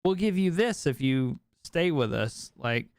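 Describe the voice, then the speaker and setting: A tired young man hosts a late-night podcast chat, rambling candidly and cursing often. His voice is smooth and crisp, recorded close and dry with no room sound. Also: a little high, lively intonation, measured pace, darkish tone, no room sound. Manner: rambling, candid, swears freely. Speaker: podcast host.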